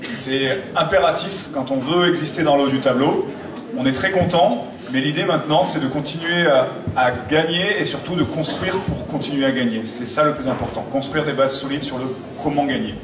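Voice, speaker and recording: Male coach, post-match speech, slightly high voice, echoey room with audible crowd. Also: moderate pace. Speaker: basketball coach. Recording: echoey hall, distant mic, crowd noise.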